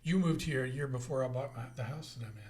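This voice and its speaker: A man's voice: mid-range voice, fast, darkish tone. A middle-aged man hosting a casual podcast interview, talking in a folksy, rambling way with plenty of fillers. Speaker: podcast host.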